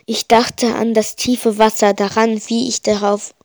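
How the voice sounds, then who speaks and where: A woman's voice: a little high, level tone, a little slow, no echo, studio quality. A woman reading a first-person story aloud, with frequent slips and restarts. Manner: reads with frequent slips and restarts, rising to panicked shouts in dialogue. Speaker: audiobook reader.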